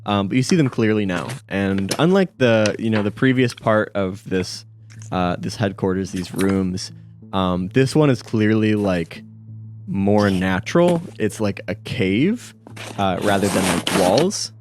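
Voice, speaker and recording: A man's voice: fairly low pitch, expressive, unhurried, a little mellow, slight background noise. A man narrating a tabletop game as game master, hesitant, with many fillers and restarts.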